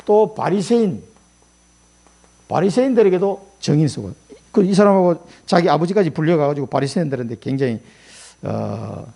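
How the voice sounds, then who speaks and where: A man's voice: fairly high pitch, expressive, normal speed, vocal fry, mellow. A middle-aged male pastor preaching a sermon in a colloquial storytelling way, acting out quotes as he goes.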